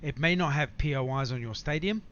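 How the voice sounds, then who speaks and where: A man's voice: on the high side, brisk, a bit bright. A man chatting casually as he live-streams a flight simulator, addressing viewers in a matey way. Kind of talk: casual livestream chat and gameplay commentary. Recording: faint background noise, slightly dull sound.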